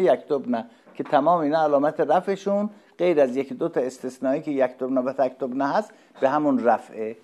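A man giving a lecture, asking questions and answering them himself, and spelling out word forms slowly. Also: medium pitch, a little mellow. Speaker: teacher. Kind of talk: lecture on Arabic grammar.

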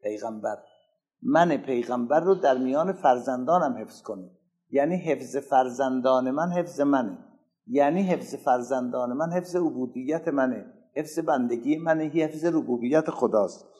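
A man giving a religious lecture, slowly reciting Arabic passages and explaining them in casual speech, growing louder on key phrases. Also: mid-range voice, breathy edge. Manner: emphatic, rising in loudness on key phrases. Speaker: preacher.

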